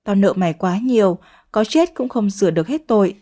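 A woman's voice: medium pitch, animated, a little fast, warm tone, natural voice. A woman voicing a remorseful young woman who begs forgiveness in a pleading, ashamed way.

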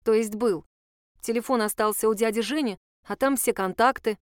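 A woman's voice: on the high side, normal speed, dry recording, clean studio sound, close to an everyday voice. A woman reading the lines of an anxious young woman who speaks earnestly and insistently.

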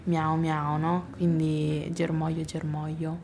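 A young woman from southern China speaks in a low, level voice with a gravelly edge. She sounds calm and self-assured as she answers an interviewer's questions. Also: slow, soft background music. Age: 20s. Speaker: interviewee, student.

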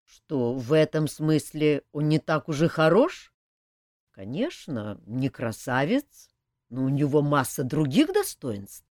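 A woman voicing Elmar, a big, strong, kindly young man with a blunt, gruff, comforting way of talking. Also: sits low, sing-song, takes it slowly, darkish tone, no room sound, clean studio sound, full character voice. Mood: earnest.

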